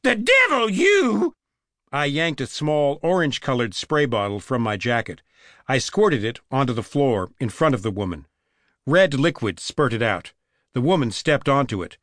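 A male audiobook narrator tells the story in the first person, with expressive, lively pitch movement. The recording is dry and close, with no room sound. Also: moderate pace, dry recording.

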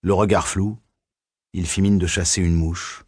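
A man narrating a thriller audiobook in a measured, suspenseful reading. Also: low voice, steady tone, darkish tone, slightly rough, no echo, studio quality.

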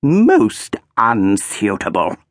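A man's voice: on the low side, huge pitch swings, drawn-out words, no echo, studio quality, full character voice. A man voicing a haughty, cold aristocratic aunt who speaks disdainfully and snaps at a child. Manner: snappish, disdainful.

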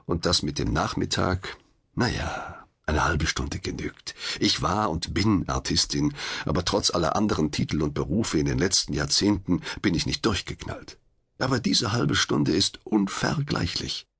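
Gravelly, lively male audiobook narrator. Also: deep voice, moderate pace. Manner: wry, expressive, confiding first-person telling. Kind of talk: first-person audiobook narration.

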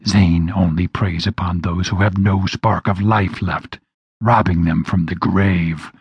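A man voicing a cruel, savage male demon who hisses and taunts slowly. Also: low voice, fairly even intonation, slightly rough, no echo, muffled recording, pitched below the performer's own voice, heavily acted. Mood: scornful. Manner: hissing, slow and taunting.

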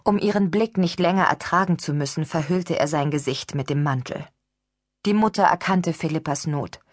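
A woman reading an audiobook in steady, even scripted narration. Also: low-pitched, moderate pace, dry recording, studio quality. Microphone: studio microphone.

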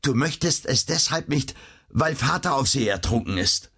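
A man voicing an earnest, hot-headed young man in a storybook, insistent and determined. His husky voice rides a little higher than plain speech, with lively swings of pitch. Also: normal speed.

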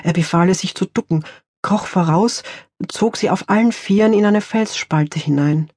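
A woman author reading her own crime novel aloud in a measured, tense audiobook narration. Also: lowish voice, a little mellow, breathy edge, no room sound, studio quality.

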